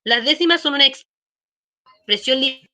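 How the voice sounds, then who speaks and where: A woman's voice: sits high, unhurried, heavy background noise. A woman teaching an online class, explaining patiently and checking in with frequent questions. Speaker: schoolteacher.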